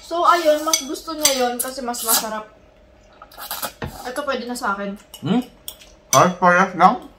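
A woman chatting casually with her mouth full and chewing during a food taste test, relaxed and trailing off with fillers. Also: fairly high pitch, normal speed, pauses often, noisy background. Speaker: taste tester. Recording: loud clatter of cutlery and dishes. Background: cutlery and dish clatter.

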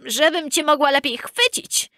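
A woman voicing a greedy, sly wolf for a storybook reading, drawing the words out slowly. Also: sits high, bright, forceful tone, no echo, studio quality, pitched above the performer's own voice. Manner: slow, drawn-out, sly delivery.

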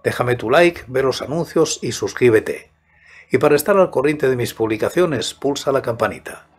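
A man in his sixties narrating a scripted story in a measured, soft-spoken way, close to a studio microphone. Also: medium pitch, animated, soft background music. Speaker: host and narrator of horror audiobook channel. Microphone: large studio microphone close to the mouth, headphones.

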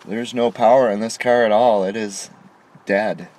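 A man's voice: on the low side, steady tone, a little slow, darkish tone. A middle-aged man venting to camera from inside a parked car at night, aggrieved and indignant, pressing hard on his complaints. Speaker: vlogger. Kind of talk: frustrated monologue to camera. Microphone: camera on dashboard facing him.

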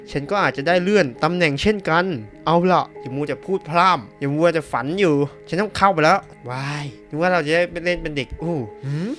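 A man's voice: fairly high pitch, a bit bright. A man playing through a horror game, reading its text aloud and yelping and swearing at scares. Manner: jumpy, yelps and swears at scares. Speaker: gamer. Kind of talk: horror game playthrough commentary.

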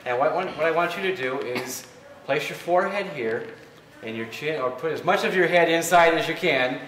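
A man's voice: on the high side, fairly bright tone. A man giving step-by-step instructions during a hands-on museum demonstration. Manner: instructive, stepwise directions. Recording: echoey room with background noise.

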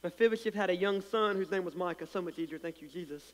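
High-voiced preacher with a slight lisp. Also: male voice, fast, in a large hall. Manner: passionate preaching, swells loud then drops soft, repeats words. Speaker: pastor. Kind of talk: sermon. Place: church sanctuary.

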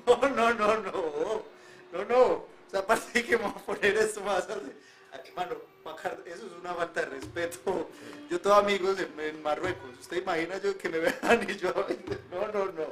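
A man delivers comic, emphatic banter in a high voice. He protests loudly, then slips into explaining math. Light music plays behind him. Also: fairly quick. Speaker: guest in a comic math segment.

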